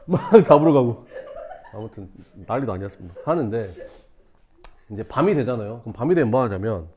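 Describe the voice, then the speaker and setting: A male teacher telling a class a story, acting out shouts and screams and laughing as he goes. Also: medium pitch, very animated, a little fast. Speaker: math teacher.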